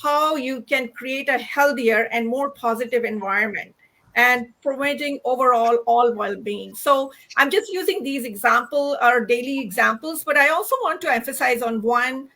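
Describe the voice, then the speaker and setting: A woman's voice: fairly high pitch, normal speed, bright, forceful tone. A middle-aged woman from India hosting a livestream, explaining a topic earnestly with frequent fillers and restarts. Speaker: host. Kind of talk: livestream talk.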